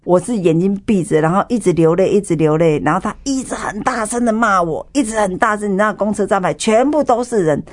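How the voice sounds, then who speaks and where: A woman's voice: medium pitch, a little fast, hardly any pauses. A woman with a Taiwanese Mandarin accent tells her own story as an interview guest. She speaks with feeling and acts out the voices of the people she describes. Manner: vivid storytelling, acts out dialogue. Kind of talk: emotional personal testimony.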